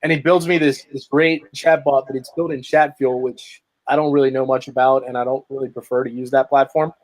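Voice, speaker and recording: A man's voice: medium pitch, flat delivery, fairly quick. A man telling a story in casual chat on a video call, tagging his sentences with "right?". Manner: rambling storytelling, tags lines with "right?". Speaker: podcast guest, marketer.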